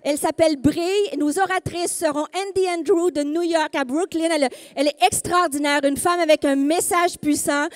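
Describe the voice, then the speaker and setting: A woman's voice: sits high, fairly even intonation, moderate pace, hardly any pauses, no room sound, clean studio sound. A woman from Quebec with a Québécois accent, leading a women's conference and rousing the crowd with calls and cheers. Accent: Québécois French. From Quebec, Canada. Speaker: women's ministry leader, speaker. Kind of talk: conference sermon.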